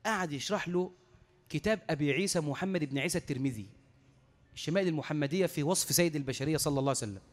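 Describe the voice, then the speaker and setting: A man with an Egyptian accent giving a sermon as a preacher, telling stories quickly and emotionally, acting out the quotes and pressing his listeners with passion. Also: on the high side, animated. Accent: Egyptian Arabic. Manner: fast, emotional storytelling with acted-out quotes; impassioned exhortation.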